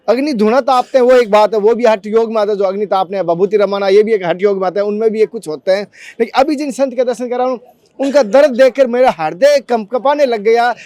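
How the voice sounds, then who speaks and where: A man with a high, light voice hosts a devotional vlog. He speaks earnestly and fervently and keeps circling back to the same points. The sound is close and dry, with no room echo. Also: darkish tone. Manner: fervent, repetitive, addresses viewers as friends. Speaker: devotional vlogger and interviewer.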